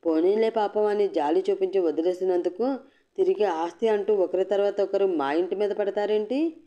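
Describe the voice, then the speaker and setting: Brief: woman doing a contemptuous young man, shouting, dark tone, lo-fi storybook recording. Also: medium pitch, normal speed, lightly acted. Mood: angry. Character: angry arrogant young man, scornful husband. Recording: dull lo-fi recording.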